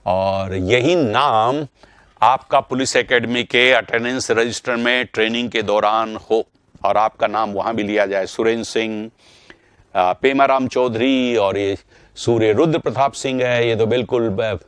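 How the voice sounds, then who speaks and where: A man's voice: lowish voice, a little slow, fairly bright tone, clean tone, no room sound. A middle-aged man teaching Hindi grammar in a live online class, greeting students by name and explaining through repeated examples.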